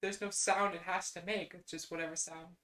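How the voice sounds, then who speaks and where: This young adult VTuber speaks at a desk mic in a brisk, steady, somewhat bright voice that sits on the low side. She has a Midwestern General American accent. Her casual stream chatter is rambling and self-deprecating, full of "like"s and false starts.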